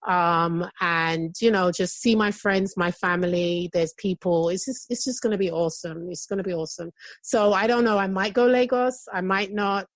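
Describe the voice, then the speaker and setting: A middle-aged woman from England with a London accent touched by Jamaican patois, chatting excitedly and rambling as a podcast guest. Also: mid-range voice, moderate pace, no echo. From United Kingdom. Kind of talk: casual chat.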